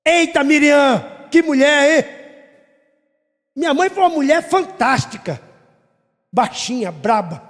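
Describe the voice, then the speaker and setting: A middle-aged man, a pastor, preaching a sermon as an animated storyteller who acts out family scenes. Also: very high voice, takes it slowly, long pauses. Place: church hall. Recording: echoey church hall.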